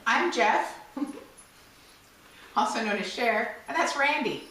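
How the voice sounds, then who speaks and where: A woman's voice: fairly high pitch, lively intonation, slow, a bit bright. Chatty woman in an echoey room. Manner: joking, chatty, self-mocking. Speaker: craft show co-host. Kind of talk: casual crafting chat. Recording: echoey room, distant mic, faint hiss.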